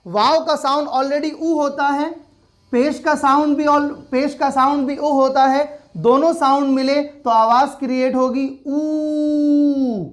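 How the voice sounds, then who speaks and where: Slow, patient woman teaching Arabic. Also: high voice, fairly even intonation. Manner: repeats each sound and asks the class back. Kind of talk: slow explanatory lesson.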